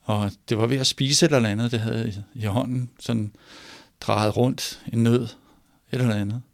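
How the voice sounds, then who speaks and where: A man telling a story aloud in a measured, pausing way, moving between hushed and emphatic passages. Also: medium pitch, fairly even intonation, creaky. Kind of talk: oral storytelling.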